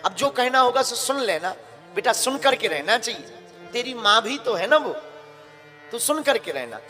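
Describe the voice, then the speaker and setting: A male preacher voicing a poor, loving mother who gently reassures her daughter during a sermon story. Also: extremely high pitch, sing-song, moderate pace, exaggerated voice. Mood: tender. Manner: tender, reassuring. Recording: long hall reverb, faint music.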